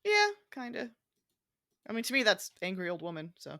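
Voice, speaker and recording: A woman's voice: medium pitch, wildly swooping pitch, normal speed, sharp tone. A woman co-hosting a podcast in casual chat, mostly giving short agreeing replies, dry and hard to impress. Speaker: podcast co-host.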